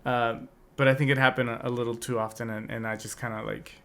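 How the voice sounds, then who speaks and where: A fast-talking young man co-hosts a podcast in a level, mid-range voice with a touch of brightness. The conversation is casual and reflective, and he restarts himself many times.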